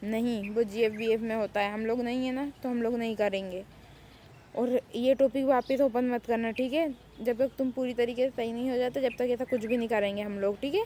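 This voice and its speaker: An anxious young woman doctor played by a woman stammers and pleads in a fan drama. Her voice is slightly high and warm, with a faint background hum. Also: steady tone, natural voice. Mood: firm. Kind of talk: amateur Urdu fan drama.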